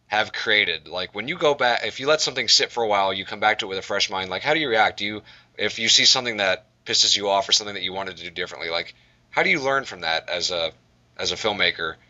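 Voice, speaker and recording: A man's voice: fairly low pitch, bright, forceful tone, dull audio. A man hosting a casual podcast interview, asking long, hesitant, winding questions.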